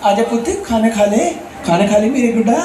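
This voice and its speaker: A man's voice: high voice, a little fast, natural voice. A man voicing a doting grandmother who affectionately coaxes her grandson in to eat. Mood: coaxing. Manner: coaxing, affectionate. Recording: echoey hall, distant mic, crowd noise.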